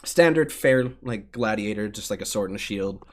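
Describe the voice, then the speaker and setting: A man's voice: fairly low pitch, expressive, moderate pace. A young man running a tabletop game on a live stream, casual with many fillers. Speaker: game master.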